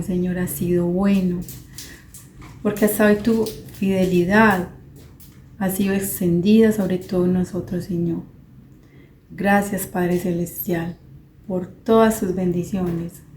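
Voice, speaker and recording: A woman with a Latin American Spanish accent leading an opening prayer in a devout, gentle way. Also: on the low side, slight background noise. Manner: devout, slow and gentle praying. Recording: echoey room with faint ambience.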